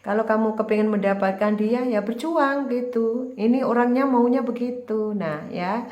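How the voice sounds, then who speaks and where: A woman's voice: fairly high pitch, moderate pace, darkish tone, lo-fi sound. A woman giving a casual tarot reading, talking straight to the viewer in a chatty, repetitive way. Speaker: tarot reader. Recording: roomy echo.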